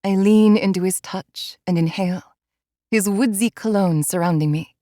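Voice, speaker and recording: A woman narrating a first-person audiobook in a measured, inward storytelling manner. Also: mid-range voice, warm tone, no echo, studio quality.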